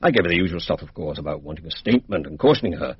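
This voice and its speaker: An actor with an English accent playing a brisk, cocksure, middle-aged police inspector in a radio drama, blunt and colloquial. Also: male voice, very deep voice, expressive, slightly rough, no room sound, heavily acted. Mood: brisk, confident. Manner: blunt, colloquial, self-assured. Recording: dull, band-limited radio drama recording.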